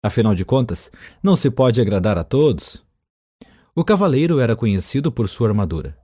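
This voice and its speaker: A man narrates an audiobook from a script, telling the story in a calm, measured way. His voice is medium-pitched, and the recording is dry and studio quality.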